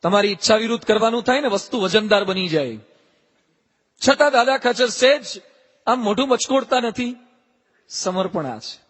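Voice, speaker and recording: High-voiced Gujarati monk preaching in a hall. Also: male voice, fairly quick. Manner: animated storyteller acting out quoted voices. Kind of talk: storytelling sermon. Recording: long hall reverb.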